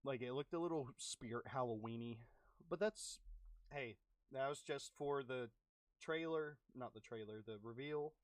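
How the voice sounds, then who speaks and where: A young man chatting casually while playing a game, reacting with quick exclamations and clearing his throat as he loses his voice. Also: mid-range voice, no echo, studio quality. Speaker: gaming streamer. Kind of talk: casual gameplay commentary.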